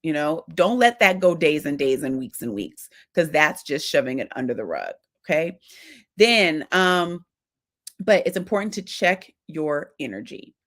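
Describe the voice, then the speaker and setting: A middle-aged woman who coaches couples, giving direct, lively marriage advice to wives and acting out short quoted exchanges. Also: low voice, measured pace. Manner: direct, animated, acts out little quoted exchanges. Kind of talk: casual advice talk to women.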